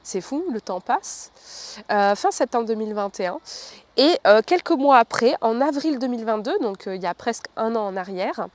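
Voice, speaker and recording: Woman from France, 30s, relaxed chatty vlogger telling a personal story, often hesitant, speaks softly at times. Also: normal speed. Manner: chatty, many fillers, lowers her voice at times. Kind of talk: casual storytelling to camera.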